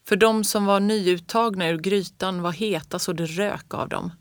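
A woman narrating a children's story in the first person, reading calmly and evenly. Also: medium pitch, dry recording, clean studio sound. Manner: calm, even reading. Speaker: audiobook reader.

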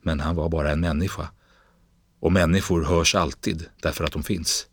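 A man narrating literary fiction in a slow, grave, measured reading. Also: extremely low pitch, steady tone, dry recording, studio quality.

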